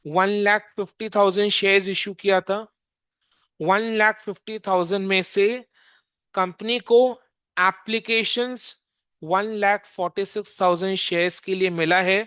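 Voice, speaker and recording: A commerce teacher giving a recorded accounting lesson, working through a problem slowly and repeatedly quizzing the listener. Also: mid-range voice, fairly bright tone, clean tone, dry recording. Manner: slow, repetitive, quizzing the listener.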